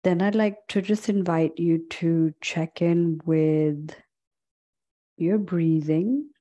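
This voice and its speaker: Leading a guided meditation, this female yoga teacher keeps her fairly low voice soft and tranquil. Her pacing is slow and relaxed, with lengthy silences between phrases.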